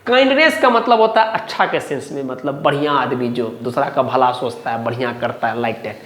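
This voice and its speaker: A male teacher giving a vocabulary lesson. He repeats each word, often checks whether it is clear, and asks and answers his own questions. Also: medium pitch, moderate pace, a bit bright, a little hiss or hum. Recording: echoey room.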